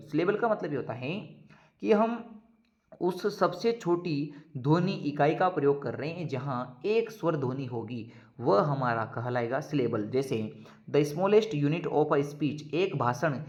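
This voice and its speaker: Hindi-speaking male teacher on a dull recording. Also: on the high side. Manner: explains in Hindi, repeating each point and slowly dictating English phrases. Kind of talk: exam-prep lesson.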